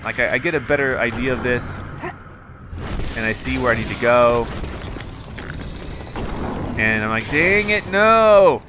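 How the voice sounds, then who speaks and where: A young man talks loosely over his gameplay footage, rambling and laughing at his own mistakes. He sometimes breaks into excited yelps, and a layer of noisy game sound runs under his voice. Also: medium pitch, unhurried, pauses often. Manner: self-mocking, rambling, bursts of excited yelling. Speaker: gaming commentator. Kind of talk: casual gameplay commentary.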